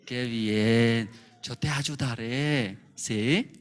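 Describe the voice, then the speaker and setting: A man's voice: mid-range voice, extremely slow, smooth. A man voicing a scheming male Satan who coaxes and mocks with sly questions. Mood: coaxing. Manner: coaxing, mocking, sly questions.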